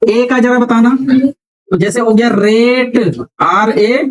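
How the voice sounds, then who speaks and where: A man's voice: extremely high pitch, fairly even intonation, unhurried, slight background noise, poor audio. A man teaching English pronunciation in a classroom, often asking the class questions and repeating their answers. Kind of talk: classroom lecture.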